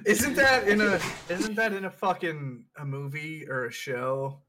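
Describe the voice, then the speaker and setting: A man's voice: a little high, unhurried, background noise. A man co-hosting a casual podcast, blunt and swearing casually. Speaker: podcast co-host. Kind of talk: casual chat.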